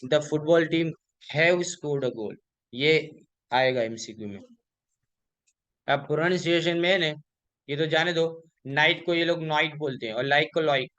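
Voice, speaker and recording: High, bright-voiced male lecturer. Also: highs cut off. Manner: explains in mixed Hindi and English, asks questions and answers them himself; reads English examples slowly. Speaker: college lecturer. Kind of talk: exam revision lecture.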